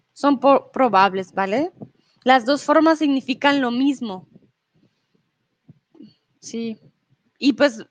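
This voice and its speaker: A young woman teaching Spanish in a live online lesson, reading out viewer comments and explaining things in a friendly, patient way, sometimes in English. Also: medium pitch.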